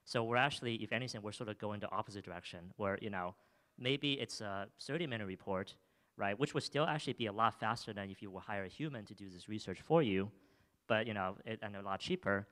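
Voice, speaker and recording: This young presenter talks fast in a fairly bright voice on the low side, demoing his startup's product from a theater stage with a handheld mic. Enthusiastic yet filler-heavy with many restarts, he ends by taking questions from the audience.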